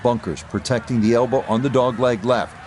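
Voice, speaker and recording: A man doing golf commentary as lead announcer, with a measured sportscaster delivery. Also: medium pitch, over music, lightly acted.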